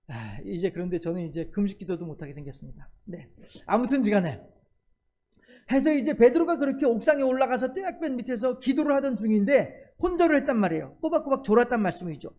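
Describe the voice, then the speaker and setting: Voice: mid-range voice, dark tone. A pastor delivering a sermon in a conversational storytelling manner.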